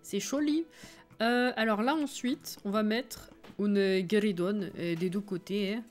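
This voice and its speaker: A woman's voice: medium pitch, a little slow, darkish tone, soft background music. A woman streaming a life-sim game, chatting casually with her viewers, laughing often and reading chat messages aloud. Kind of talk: casual live-stream chat while playing.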